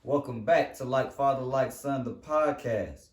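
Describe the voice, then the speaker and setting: A man's voice: medium pitch, measured pace. A young adult man hosting a podcast in a casual, joking way, often tagging lines with "man". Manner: animated, joking, leans on "man" and "what's up". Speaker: podcast host. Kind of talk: casual chat. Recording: roomy sound from a distant mic.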